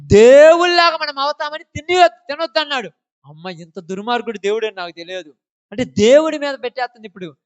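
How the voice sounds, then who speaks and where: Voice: high voice, lively intonation, quick pace. Preacher; sermon; keeps firing questions at the congregation. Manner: fires rhetorical questions at the congregation.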